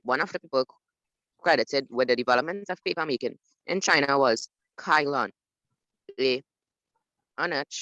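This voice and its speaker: A man's voice: medium pitch, pushed and bright, no echo, low-quality recording. A man taking part in an online lesson, reading a text aloud with careful stumbles and self-corrections. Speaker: lesson participant. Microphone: video call.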